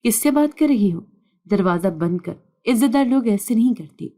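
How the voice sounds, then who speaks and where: A woman voicing a harsh, stern older mother-in-law who scolds and threatens in a dark, louder voice. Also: medium pitch, lightly acted. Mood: scolding.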